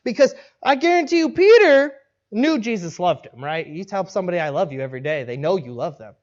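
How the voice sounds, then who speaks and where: A male pastor preaching in a casual, conversational way, animated and acting out bits of dialogue, often restarting his sentences. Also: sits high, fairly quick. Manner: animated, acts out quoted dialogue, frequent restarts and laughs. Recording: dull lo-fi recording.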